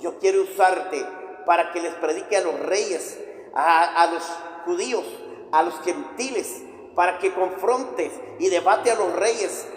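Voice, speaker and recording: A man's voice: sits high, measured pace. A preacher voicing Jesus as a grave, commanding man who pleads in solemn repetitions. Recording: echoey hall with long reverb.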